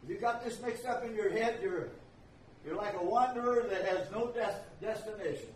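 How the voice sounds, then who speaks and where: A man's voice: sits high, moderate pace, slight background noise. An older man preaching a sermon, emphatic and repeating his key phrases. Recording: echoey room, voice from far off.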